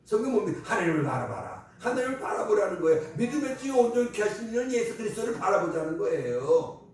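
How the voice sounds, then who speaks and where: A male pastor preaching a sermon, swinging from hushed asides to loud cries. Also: high-pitched, sing-song, fast talker. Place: church sanctuary. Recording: echoey sanctuary from far off, faint noise.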